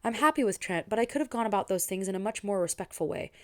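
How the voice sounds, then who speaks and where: A woman voicing a remorseful, newly married young woman, reading her apology quietly in an audiobook style. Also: mid-range voice, lively intonation, fast, close to an everyday voice.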